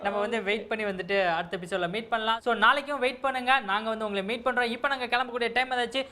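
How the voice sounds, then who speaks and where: A woman hosting a TV prank show, teasing and lively. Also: a little high, very fast. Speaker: show host.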